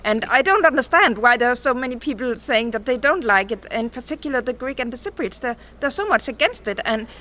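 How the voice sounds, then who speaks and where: Bright-voiced woman panelist. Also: fairly high pitch, animated, a little fast, hardly any pauses. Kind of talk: casual panel discussion.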